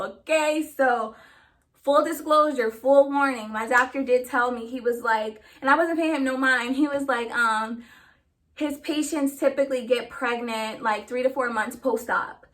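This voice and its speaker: Female vlogger, high bright voice, short of breath, sassy, emphatic, casual Q&A. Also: normal speed. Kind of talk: casual chatty Q&A to camera.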